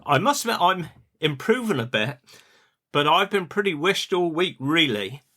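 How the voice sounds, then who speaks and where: Chatty Cornish man, bright voice. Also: on the high side, very animated, normal speed. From Cornwall. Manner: chatty, rambling, with dialect words. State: under the weather. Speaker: podcast host, funeral director. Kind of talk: casual storytelling monologue.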